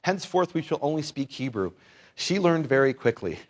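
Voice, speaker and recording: His voice a little high and very animated, a native English speaker moves at a moderate pace through an informal Bible lesson in front of a live audience. The man is a Bible teacher and lecturer who favours easy conversation, wry humour and rhetorical questions, and asks people to repeat words after him.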